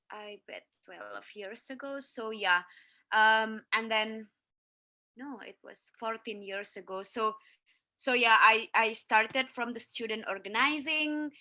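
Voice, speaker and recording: A woman on an online panel, talking slowly and haltingly with frequent fillers and restarts. Her voice is bright and the sound is dry and close, the way a video call picks it up. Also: medium pitch, no echo. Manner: hesitant, many fillers and restarts.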